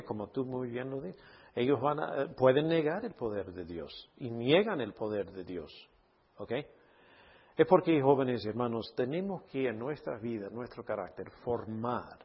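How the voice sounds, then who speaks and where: Husky-voiced man preaching with emphasis. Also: medium pitch, highs cut off. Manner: emphatic, rhetorical questions, checks with "ok?". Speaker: pastor. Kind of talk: Bible study sermon.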